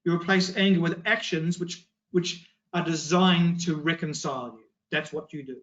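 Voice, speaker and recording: A man's voice: a little high, moderate pace, a bit bright. A man giving a Bible study talk, emphatic and fond of rhetorical questions. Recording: dull lo-fi recording.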